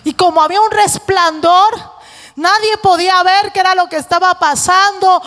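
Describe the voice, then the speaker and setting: A woman preacher giving a lively sermon, acting out voices and joking with the congregation. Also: very high-pitched, moderate pace. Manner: animated, acts out voices, jokes with the congregation. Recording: long hall reverb.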